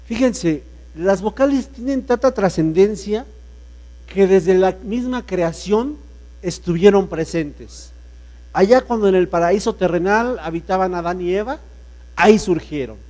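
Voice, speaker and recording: A man's voice: measured pace, dark tone. A man giving a playful public speaking workshop, joking and swinging his voice around to demonstrate. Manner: playful, jokey, swings pitch and volume to demonstrate. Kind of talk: lively workshop lecture with voice demonstrations. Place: workshop room with an audience.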